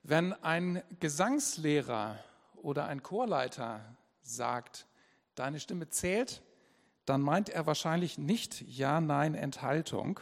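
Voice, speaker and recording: A pastor preaching a sermon, deliberate and emphatic, repeating his key phrases. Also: fairly high pitch, creaky, big-room sound.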